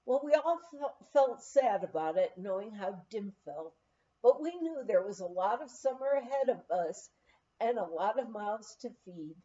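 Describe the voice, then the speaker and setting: An audiobook reader, a woman with a mellow, medium-pitched, expressive voice, narrates a memoir at a moderate pace. The scripted storytelling occasionally has her stumbling over words, and the recording sounds slightly muffled.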